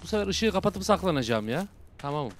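A young man giving casual, slangy commentary while playing a horror game, bursting into loud shouts and dropping to low mutters. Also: fast, a little hiss or hum. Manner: excitable, swings between loud outbursts and low mutters; casual slangy banter with viewers. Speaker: gaming YouTuber.

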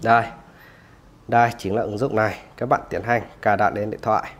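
A man hosting a phone tutorial, explaining each step casually and often pausing with "rồi" between steps. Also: lowish voice, steady tone, muffled recording. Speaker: tech tutorial host.

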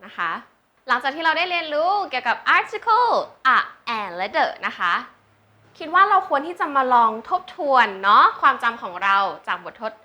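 Woman tutor, high bright voice, slow and patient, drills example words. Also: big pitch swings. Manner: patient, checks understanding with questions; drawn-out English words for learners to repeat. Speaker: English tutor. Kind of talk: slow teaching with example sentences.

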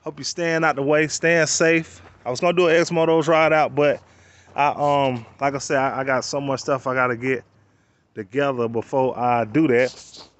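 Laid-back man vlogging outdoors. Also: mid-range voice. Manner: laid-back, slangy, rambling. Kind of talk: casual walk-around vlog. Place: outdoors on a rural property.

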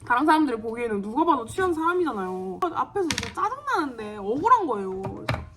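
A young woman in her twenties tells a story while doing her makeup, chatty and animated, and acts out what people said. Her voice is fairly high and swings up and down a lot. Soft music plays faintly behind her. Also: quick pace. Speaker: beauty vlogger.

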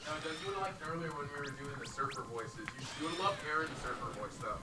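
A man's voice: on the high side, animated, quick pace. A young man co-hosting a let's play, chatting casually and swearing often, with rambling asides. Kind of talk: casual gaming commentary. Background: game music.

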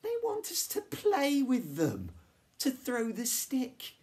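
A man's voice: on the low side, expressive, unhurried. A man reading aloud and voicing a bold, clever young girl who leads her friends with eager lines. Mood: amazed.

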